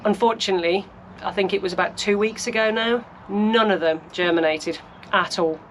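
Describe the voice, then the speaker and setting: A woman's voice: mid-range voice, normal speed, a little hiss or hum. A woman from the UK narrating her allotment sowing as she works, chatty and practical, thinking aloud. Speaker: gardening vlogger. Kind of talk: casual narration while working. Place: allotment greenhouse.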